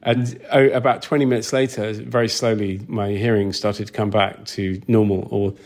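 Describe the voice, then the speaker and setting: In a casual interview, a sound designer tells rambling stories and acts out how people reacted. His voice sits fairly low, a little mellow, with a level tone at a moderate pace.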